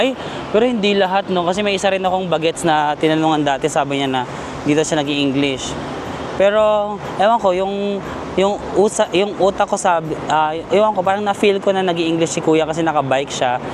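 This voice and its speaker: A man's voice: a little high, noisy background. Chatty man with a Filipino accent. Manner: chatty, self-mocking, laughs often. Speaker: travel vlogger. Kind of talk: casual travel vlog. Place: outdoors in a city park at night.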